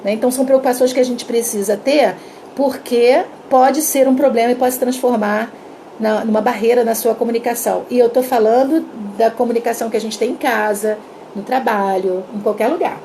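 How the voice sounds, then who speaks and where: A Brazilian-accented woman teaches communication in a live online class, her slightly high voice mellow and soft-edged. She talks with lively energy and acts out little sample dialogues, though her throat is dry. A faint hiss sits in the background. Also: fairly quick. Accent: Brazilian Portuguese. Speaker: communication coach.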